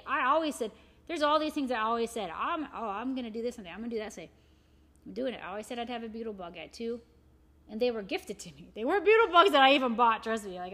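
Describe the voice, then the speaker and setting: A woman in her forties talks in loose, rambling conversation, stringing thoughts together with constant "you know" fillers. Her voice sits a little high for a woman. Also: fairly bright tone. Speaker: guest, shop owner and arts volunteer. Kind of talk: casual conversation.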